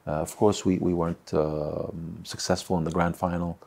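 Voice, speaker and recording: Deep gravelly husky guy, chairman answering interview questions, lots of uhs and repeats. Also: little pitch movement, darkish tone. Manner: halting, repeats words, many fillers. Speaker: football club chairman. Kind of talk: sit-down interview. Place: indoor room by a window. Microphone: close mic, seated on camera.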